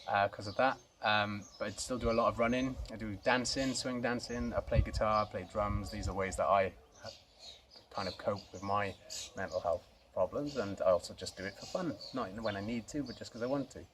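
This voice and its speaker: Man, South Welsh Swansea accent, fairly low pitch, casual self-introduction, hesitant delivery, faint noisy ambience. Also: a little fast, a bit bright. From Swansea, Wales. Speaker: co-founder of a youth mental health organisation, introducing himself.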